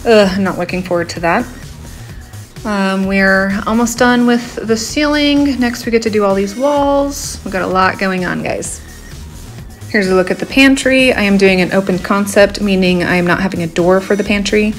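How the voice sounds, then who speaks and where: A woman in her thirties narrating her home renovation vlog casually, chatty and blunt, often pausing with "um". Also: medium pitch, faint music behind. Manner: chatty, blunt, with frequent "um" fillers.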